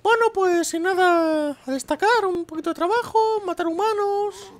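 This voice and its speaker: A man doing a squeaky, unbothered monster guy who kills humans and drawls through it. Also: moderate pace. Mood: nonchalant.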